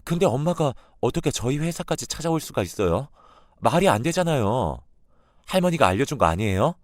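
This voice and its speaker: A man's voice: mid-range voice, big pitch swings, a little fast, dry recording, clean studio sound, voice pushed up, natural voice. A man voicing an upset, indignant young married woman in a radio drama. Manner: pleading, then sharply indignant.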